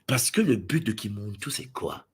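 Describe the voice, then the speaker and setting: Guy preaching to followers, husky voice, goes loud then drops low, swings all over. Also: lively intonation. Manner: swings from booming exclamations to low intimate asides; acts out voices of others in quick asides. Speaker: spiritual teacher. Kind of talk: impassioned spiritual address to followers.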